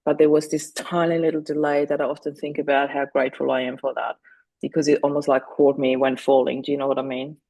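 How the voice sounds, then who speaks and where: In this low-quality recording, a middle-aged woman whose first language is German speaks fast in a low, gravelly, fry-laden voice as an interview guest. She is candid and earnest, her tone flat and even, occasionally starting sentences over; the audio is dry and close with no echo.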